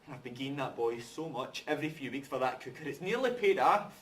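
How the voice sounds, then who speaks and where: A man's voice: medium pitch, expressive, fast talker, a bit bright, close to an everyday voice. Man acting bitter, accusing man, distant mic. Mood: hurt, indignant. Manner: accusing, scornful, colloquial. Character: wronged, bitter working-class man confronting his relatives. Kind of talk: rehearsed stage reading of a drama. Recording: distant mic, background noise.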